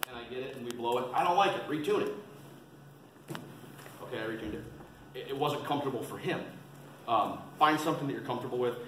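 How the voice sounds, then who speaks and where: A man with a bright, forceful voice gives a folksy instructional talk, repeating key points in plain words. He is picked up from a distance in a roomy space, with faint noise behind him. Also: medium pitch, rapid-fire. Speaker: seminar presenter, experienced waterfowl hunter. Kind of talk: informal instructional talk to a group. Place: indoor seminar at a museum.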